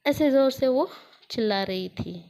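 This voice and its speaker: A woman storyteller reads a romance story aloud in a slightly high voice. Her delivery is steady and even, with English words mixed into her lines. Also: a little slow, creaky.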